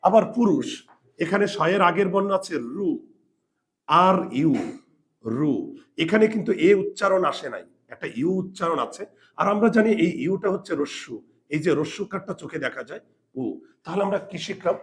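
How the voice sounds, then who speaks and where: A man's voice: high-pitched, lively intonation, moderate pace, pauses often. A male teacher giving a spelling lesson to students, patiently repeating each rule and working through examples. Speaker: Bengali grammar teacher.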